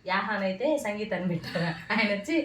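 A woman telling comic family stories in casual chat, with animated mimicry. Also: medium pitch, fast. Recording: echoey room from a distance.

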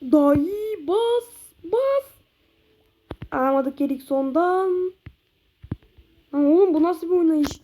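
A high, dark-toned woman commentating her own football video game session. She shouts at her players, groans when a pass fails and stretches her goal calls out long. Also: expressive, takes it slowly, long pauses. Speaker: gameplay streamer.

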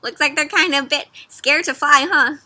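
At normal speed, a bright, high-voiced young adult reads a picture book aloud to children outside beneath the trees. As host, she stays animated and regularly turns to her listeners with questions.

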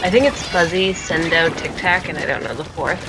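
A woman's voice: lowish voice, fairly quick, low-quality recording. A woman giving casual esports color commentary, giggly and exclamatory. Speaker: esports co-caster. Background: background music.

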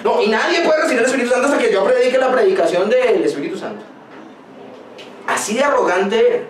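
A man preaching a sermon in a high, ringing voice, pressing his points with rhetorical questions and stories from his own ministry. He sounds set back from the mic in an echoey church hall. A faint hiss of noise sits under his voice. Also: animated, quick pace, distant mic. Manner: emphatic preaching with rhetorical questions and personal anecdotes. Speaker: pastor.

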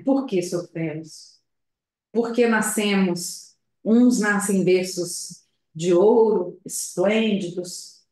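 A woman gives a public talk at a spiritist center over a video call. She speaks in a slow, reflective, hesitant way, often adding tag questions. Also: mid-range voice, a little mellow. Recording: very echoey room.

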